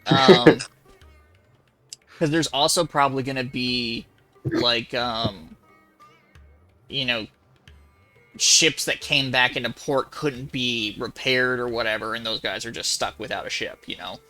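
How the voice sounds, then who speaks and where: A man's voice: mid-range voice, slow, pauses often, sharp tone, soft background music. A man playing a tabletop game over a voice call. His audio is glitchy and robotic, and he rambles with lots of fillers. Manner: rambling, filler-heavy, hesitant. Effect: glitchy, robotic-sounding voice chat audio. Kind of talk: casual chat over voice call. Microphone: online voice call.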